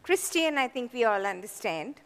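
An older woman from Sri Lanka giving a talk with dry humor, her voice slightly hoarse, laughing at her own jokes. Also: a little high, lively intonation, normal speed, in a large hall. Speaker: guest speaker.

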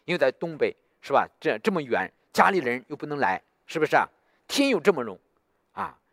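A man's voice: on the high side, brisk, no room sound, clean studio sound. A man preaching a sermon, telling a story and often asking the listeners to agree. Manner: animated, asks listeners for agreement.

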